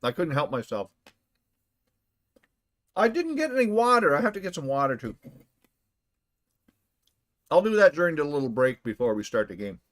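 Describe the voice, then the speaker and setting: A man's voice: fairly high pitch, sing-song, moderate pace, long pauses, fairly bright tone. A man streaming a game from home, chatting casually and playfully with his viewers and inventing silly words. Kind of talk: casual live stream chat.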